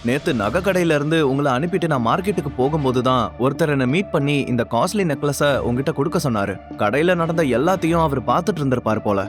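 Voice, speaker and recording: A man voicing a calm, gentle young husband in an audio story, speaking in a soft, reassuring way. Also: a little high, quick pace, few pauses, music in the background, pitched below the performer's own voice, natural voice.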